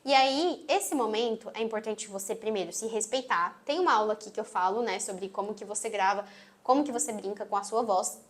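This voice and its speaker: A woman with a Brazilian accent and a sweet, gentle voice, teaching an online course lesson and closing her phrases firmly. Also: medium pitch, fairly quick. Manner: emphatic, closes phrases firmly. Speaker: marketing instructor. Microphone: phone on tripod.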